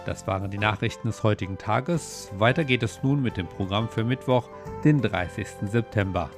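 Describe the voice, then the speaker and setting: A man reading the weather and the programme announcements in an even, formal manner. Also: on the low side, normal speed, music in the background. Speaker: news and weather presenter. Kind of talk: scripted news reading.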